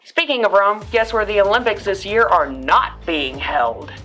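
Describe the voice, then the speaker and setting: A woman's voice: mid-range voice, animated, moderate pace, sharp tone, faint music behind. A woman hosting a scripted school-news explainer segment, talking in a playful way with jokey asides. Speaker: student news segment host.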